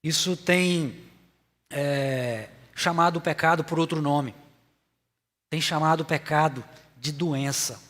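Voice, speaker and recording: A Brazilian man preaches a sermon with a fairly high voice, his words trailing off into a long church-hall reverb. He speaks earnestly but haltingly, pausing often to fill gaps before pressing his point. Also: a bit bright. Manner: earnest, halting delivery with frequent filler pauses. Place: church sanctuary.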